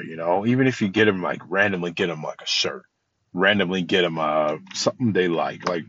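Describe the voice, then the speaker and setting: Male podcast host, deep and earnest, meandering delivery, dry close recording. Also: a bit bright, no echo, dull audio. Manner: rambling, heartfelt, many restarts. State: tired. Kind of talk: casual motivational talk.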